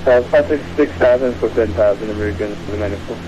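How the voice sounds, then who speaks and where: A man's voice: lowish voice, racing. A man on a pilot's headset radio link, giving clipped readbacks to a controller. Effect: pilot's voice over a headset radio link. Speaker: airline pilot on simulator radio. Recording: muffled radio with loud background hiss.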